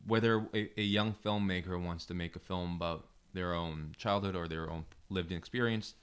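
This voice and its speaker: A man's voice: deep voice, moderate pace, fairly bright tone, clean tone. A man who is a filmmaker, a guest on a podcast, speaking thoughtfully and stammering a little as he works out his ideas. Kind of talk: casual interview conversation.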